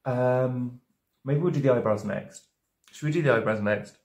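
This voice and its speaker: A drunk man in his twenties talks casually to camera as if giving a tutorial. He rambles, second-guesses himself and loses his thread. The recording is roomy and echoing, with an average-pitched male voice. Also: moderate pace, a little mellow. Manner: rambling, self-doubting, losing his thread. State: tipsy, drunk on wine. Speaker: makeup video creator. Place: indoor home studio with dark backdrop, roomy. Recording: roomy, echoing indoor sound.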